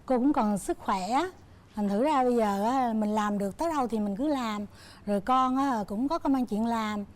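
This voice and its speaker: An older woman with a high voice chats as a guest on a talk show. She rambles along with fillers as she talks about her family. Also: moderate pace. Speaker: mother-in-law guest. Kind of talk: casual talk show chat.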